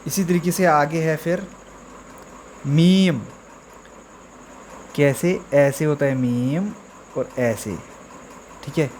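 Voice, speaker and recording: This male Urdu teacher speaks on the higher side with a somewhat dark tone, running a slow beginner alphabet lesson. He drags out repetitive letter drills, dropping "theek hai" again and again, over a slight hiss or hum.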